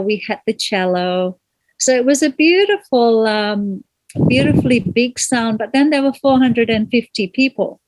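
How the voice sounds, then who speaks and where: A middle-aged woman from Malaysia, a singer being interviewed, speaking gently and thoughtfully and pausing to find her words. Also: mid-range voice, no echo, low-quality recording. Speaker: guest, kirtan singer. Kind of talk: reflective interview conversation.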